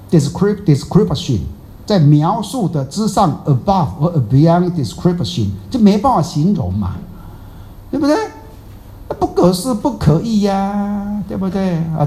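A man gives a Dharma talk to a Buddhist class in a chatty, teasing way, quizzing his listeners with questions. His voice is a little high and mellow.

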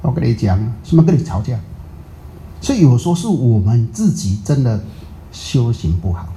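A man's voice: mid-range voice, sing-song, normal speed, dark tone, a little hiss or hum, poor audio. A man giving an informal Buddhist dharma talk to a live audience, chatty and often checking with them, sprinkling in English words. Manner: chatty, keeps asking the audience "right?".

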